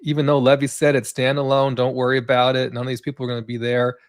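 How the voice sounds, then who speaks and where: Male co-host, mid-pitched, rambling commentary with lots of fillers. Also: monotone, quick pace, dry recording, studio quality. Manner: rambling, many fillers and tag questions. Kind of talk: live entertainment news chat.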